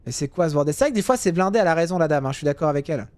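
Casting: young gamer, slightly high voice, joking commentary with sudden outbursts. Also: male voice, expressive, rapid-fire, no echo. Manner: chatty, jokey, swings to loud yelling at drivers. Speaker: gaming youtuber. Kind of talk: casual gameplay commentary.

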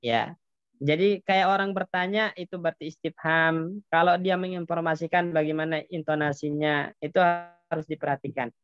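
A man's voice: on the high side, steady tone, normal speed, fairly bright tone, clean tone, no echo, lo-fi sound. A man teaching an Arabic grammar class, patiently explaining step by step and quizzing his students.

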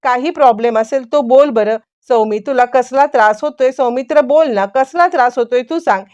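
Caring mother figure, coaxing and concerned, a touch high and raised, as a woman narrator voices her. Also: moderate pace, darkish tone, lo-fi sound, natural voice.

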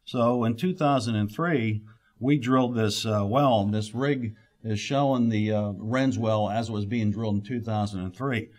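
A middle-aged man, an exploration geologist, giving a conference keynote at a podium, speaking in a halting way with many "uh" fillers and restarts. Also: fairly low pitch. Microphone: podium microphone.

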